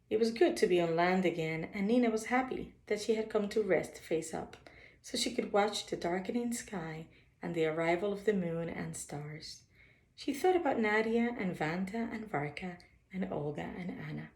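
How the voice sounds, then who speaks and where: In an echoey, roomy space, a storyteller with a mid-range, slightly mellow voice reads a children's picture book at bedtime. Her expressive reading seems aimed at young listeners, and she pauses for brief comments on the illustrations.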